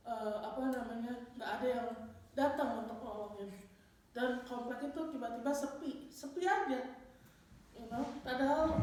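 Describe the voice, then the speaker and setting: Woman, church testimony, animated storyteller, bit high, distant room mic, heavy echo, faint hiss. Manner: animated storytelling, switching into English phrases. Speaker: church member giving a testimony. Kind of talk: personal testimony at a Bible study. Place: large echoey room at a church Bible study.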